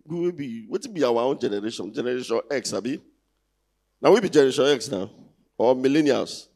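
On a large indoor theatre stage, a Nigerian-accented man in his thirties does teasing, conversational stand-up, throwing rhetorical questions at the audience through a handheld stage mic. His mid-range voice is expressive and slightly dark, and he talks a little fast.

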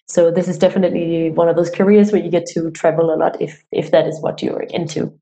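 A young woman presents over a video call from home, sounding a little tired. Her voice sits low and mellow, and she often restarts her sentences with fillers. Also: fairly even intonation, fairly quick, gravelly. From Denmark. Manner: friendly, many fillers and restarts. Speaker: PhD student presenter. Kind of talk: online presentation. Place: home room.

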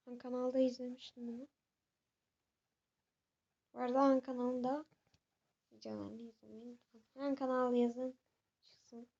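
A young woman talks her viewers through a horror game, chatty and easily startled. Her voice is a bit high but soft and mellow in tone. The recording sounds muffled and lo-fi. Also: level tone, normal speed, vocal fry, pauses often. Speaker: gaming channel host. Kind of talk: let's-play commentary.

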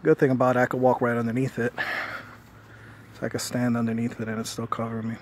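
On a residential lawn, this middle-aged man rambles through a casual walkthrough of his homemade camping trailer with lots of fillers. He talks fast in a mid-range voice with little pitch movement. A handheld phone camera records it, picking up a little hiss or hum.

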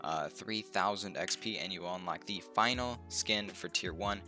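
A young gaming YouTuber walks through a game casually at a moderate pace, relaxed and rambling with plenty of ums and uhs. His deep, low voice sounds stuffed up and a bit nasal, yet bright in tone, captured on a desk mic in a room at home with faint music behind.

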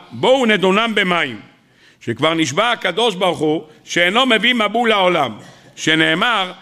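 A man giving a rabbi's sermon with a gravelly, bright edge to his voice. He talks in an animated way, posing questions to the listeners and answering them himself, and sometimes acts out the voices of the people he quotes. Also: high-pitched. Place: lecture hall.

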